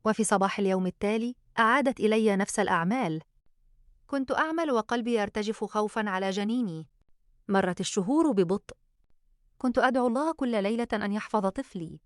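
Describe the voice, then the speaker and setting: A woman tells a first-person story in a calm, even, scripted reading. Her voice sits at a middling pitch. The recording is dry and close. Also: fast talker, dry recording.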